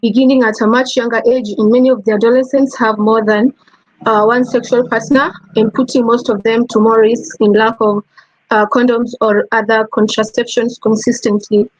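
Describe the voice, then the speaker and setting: A woman's voice: fairly high pitch, flat delivery, moderate pace, no room sound, rough recording. A young woman with a Kenyan accent answering earnestly as a panelist on a webinar video call. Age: young adult. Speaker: youth panelist.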